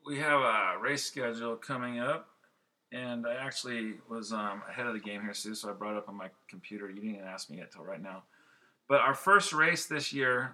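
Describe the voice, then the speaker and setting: A man in his fifties co-hosting a casual podcast, rambling and getting loud when he is excited. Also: lowish voice. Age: 50s. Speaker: podcast co-host and race organizer.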